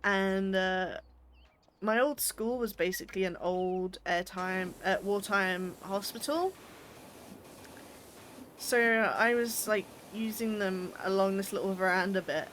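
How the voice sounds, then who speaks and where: With a little hiss or hum in the background, a British game streamer in her twenties chats casually with her viewers while playing. Her medium-pitched voice is a bit bright, and she teases people, laughs a lot and trips over her words.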